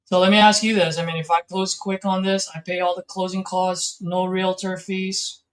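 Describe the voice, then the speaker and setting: A man, a real estate investor, on a casual sales call with a seller, friendly and joking while he pushes for a lower price. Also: level tone, moderate pace. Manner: friendly, pushy haggling, jokey.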